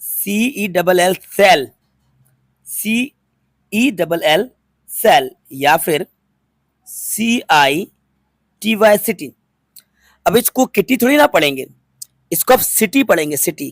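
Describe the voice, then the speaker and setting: Male english teacher doing a phonics lesson, super slow, spells out every letter, dry close sound. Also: high-pitched, expressive, gravelly, fairly bright tone, no room sound. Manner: patient, spells out letters one by one and repeats words.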